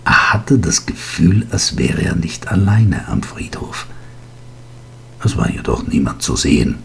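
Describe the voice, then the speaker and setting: A man narrating an audiobook story slowly and dramatically, often dropping to a whisper. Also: deep voice, sing-song, creaky.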